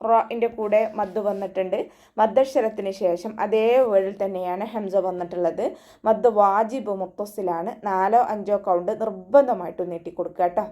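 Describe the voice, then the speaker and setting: A woman with a Malayali accent teaching Quran recitation online, explaining pronunciation rules patiently and then chanting verses slowly to model them. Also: mid-range voice, steady tone, dark tone. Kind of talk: tajweed lesson with chanted recitation.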